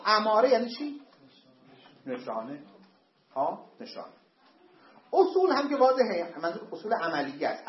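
A man teaching a seminary class on Islamic law, emphatic, with joking asides to his students. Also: fairly high pitch. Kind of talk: classroom lecture on Islamic jurisprudence. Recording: dull lo-fi classroom recording.

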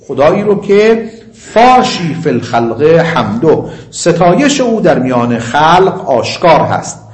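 Lively man giving a religious lecture. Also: a little high, roomy sound. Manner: slow chanting of quoted Arabic, quick asides. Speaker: seminary lecturer.

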